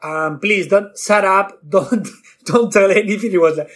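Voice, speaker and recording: Animated man telling stories. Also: unhurried. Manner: acts out quotes with jumps in pitch, non-native grammar. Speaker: guest bartender. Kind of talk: animated storytelling.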